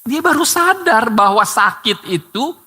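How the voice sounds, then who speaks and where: A man's voice: extremely high pitch, lively intonation, measured pace, pushed and bright. A man preaching a sermon who speaks straight to his listeners with rhetorical questions. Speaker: Islamic preacher. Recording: long hall reverb.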